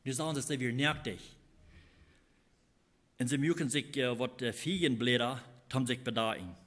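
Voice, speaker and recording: Male preacher, mid-pitched, halting sermon delivery with repeated phrases. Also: a bit bright. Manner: halting, repeats phrases while explaining scripture.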